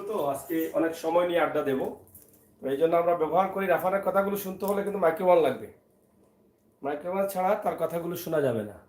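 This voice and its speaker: A father films a casual family vlog in a fairly high voice for a man. He switches between gently coaxing and teasing his little boy and chatting with his viewers. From Sylhet, Bangladesh.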